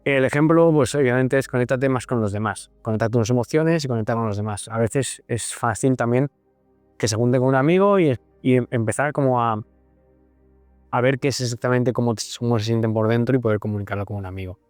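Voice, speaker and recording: A man's voice: mid-range voice, fairly quick, a little mellow, no room sound, soft background music. A man, a psychologist host explaining personality types with examples and frequent tag questions. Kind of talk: explanatory casual talk.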